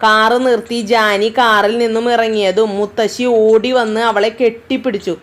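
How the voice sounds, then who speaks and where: Woman storyteller, slightly high voice, voices each character herself. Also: little pitch movement, moderate pace. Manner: acts out each character's lines. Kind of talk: scripted story narration.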